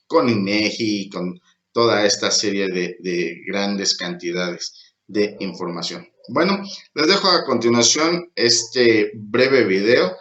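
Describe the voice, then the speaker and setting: A man giving a recorded lecture as a teacher, slow and halting, with many fillers. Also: on the low side, fairly bright tone. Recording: echoey room.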